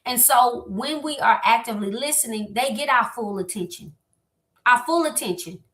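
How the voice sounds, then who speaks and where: A woman hosting a motivational talk on relationships, lively and animated, speaking straight to her listeners. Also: fairly high pitch, moderate pace. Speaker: host. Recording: echoey room.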